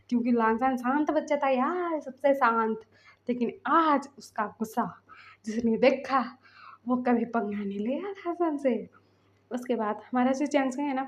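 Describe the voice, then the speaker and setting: A woman casually retelling a fan fiction story in a chatty way, acting out the quoted lines. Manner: chatty, acts out quoted lines with rising pitch. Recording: muffled lo-fi audio.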